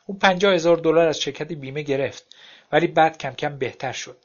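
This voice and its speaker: A man voicing a calm, matter-of-fact woman in a read-aloud story. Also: on the high side, lightly acted. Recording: dull lo-fi recording.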